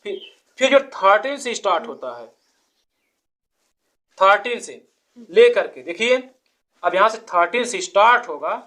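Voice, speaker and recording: A woman's voice: mid-range voice, a bit bright. A woman teaching a child to count, patiently asking quiz questions and counting numbers aloud step by step.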